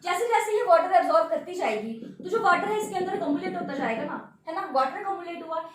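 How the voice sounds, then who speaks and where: एक महिला बायोलॉजी शिक्षिका कक्षा की तरह लेक्चर देती है। वह मुख्य शब्दों को सवाल बनाकर दोहराती है और बार-बार "है ना", "ठीक है" कहकर छात्रों से जुड़ती है।. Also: female voice, very high-pitched, animated, fast talker, far from the mic. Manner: repeats key terms as questions and answers them; checks in often with tag words. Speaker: biology teacher. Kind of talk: classroom lecture at a board. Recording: very echoey room, voice off-mic.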